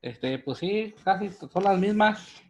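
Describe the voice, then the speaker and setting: A man answering as a student in an online language class, hesitant and halting, listing words with fillers. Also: high voice, animated. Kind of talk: class participation.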